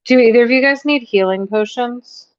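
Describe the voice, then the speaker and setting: A woman's voice: a little high, normal speed, no room sound. Woman player tossing out ideas, hesitant, lots of likes, muffled mic. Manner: tentative, full of "like" fillers. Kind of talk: tabletop game voice chat. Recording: dull lo-fi voice chat audio.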